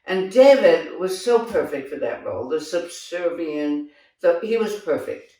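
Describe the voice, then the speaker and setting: An older woman reminisces about the theater, laughing often as she tells her stories. Her voice swings widely in pitch and she takes her time. She sounds set back from the mic in a very echoey room. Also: unhurried, distant mic. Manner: animated storyteller, laughs often, exclaims "oh my God". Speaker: theater director recalling past productions. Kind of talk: casual reminiscing chat.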